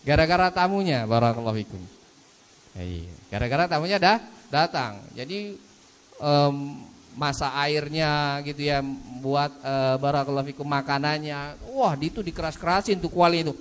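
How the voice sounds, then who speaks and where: A man's voice: on the high side, lively intonation, moderate pace, clean tone. A man teaching manners in a mosque study lecture, often repeating a blessing phrase and acting out little scenes. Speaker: ustadz teaching a book on manners. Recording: long hall reverb.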